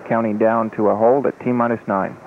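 A man giving calm, matter-of-fact official countdown commentary, with hesitant pauses. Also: lowish voice, narrow, tinny audio, crowd noise. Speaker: launch countdown public affairs commentator. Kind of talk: measured official live commentary. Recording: thin 1980s broadcast feed with faint noise.

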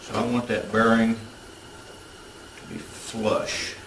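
The roomy home garage workshop, far-off mic and tool noise frame this man in his thirties as he instructs on a woodworking build, step by step. He speaks slowly in a lowish, fairly bright voice with a steady tone, keeping things plain, practical and matter-of-fact.

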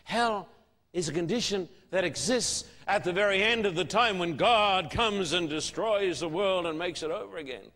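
Bright high-voiced man preaching emphatically. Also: moderate pace. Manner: emphatic, rhetorical questions. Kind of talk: sermon. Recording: long hall reverb.

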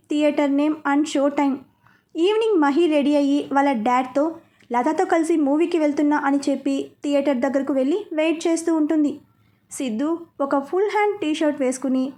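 A woman narrating a serialized story in a steady, even storytelling manner. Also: sits high.

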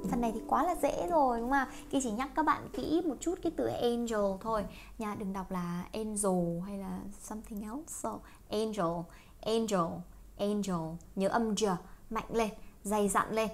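A woman's voice: fairly high pitch, moderate pace, a little hiss or hum. A woman teaching English through a song, explaining lines and pronunciation and then singing them for learners to repeat. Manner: switches between explaining and singing along. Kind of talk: song-based English lesson.

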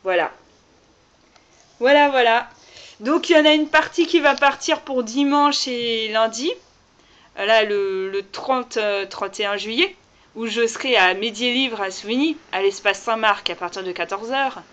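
A woman talks casually to her viewers while she opens a box of her own books, her voice a little high. She leans on fillers and pauses, and the home-video sound is dull and lo-fi. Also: fairly bright tone. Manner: chatty, many fillers like "voilà" and "euh". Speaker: author unboxing her own book. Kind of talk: casual vlog chat.

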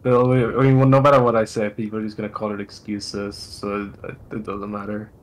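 A man's voice: on the low side, level tone, a little fast. A tired tournament player, a man, chatting casually after a match, swearing freely and stumbling over his words. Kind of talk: casual post-match chat.

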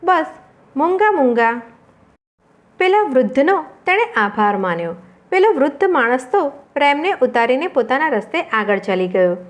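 A woman reading a storybook tale aloud in a calm, measured way. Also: high-pitched. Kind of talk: storybook narration.

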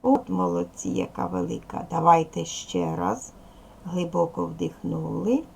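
A woman's voice: lowish voice, gravelly, a little hiss or hum. A woman teaching a recorded reading lesson to young schoolchildren, patient and encouraging. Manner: patient, encouraging, speaks slowly to children. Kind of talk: recorded video lesson for second graders.

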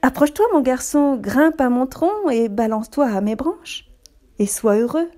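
A woman's voice: mid-range voice, normal speed, dark tone, lightly acted. A woman voicing a generous, loving old tree in a read-aloud storybook, speaking tenderly with a slightly raised voice.

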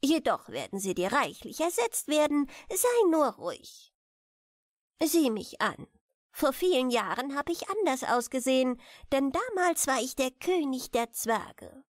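Lady doing a tiny old dwarf king from a german fairy tale, high voice, very up and down, solemn and pleading. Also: sing-song, a little slow, no room sound, studio quality. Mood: reassuring. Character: small grey dethroned dwarf king, aged, pleading, solemn.

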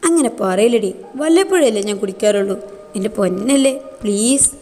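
A woman's voice: medium pitch, expressive, normal speed, mellow, natural voice. A woman voicing a young husband who coaxes and pleads playfully. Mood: coaxing. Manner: coaxing, pleading. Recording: long reverb.

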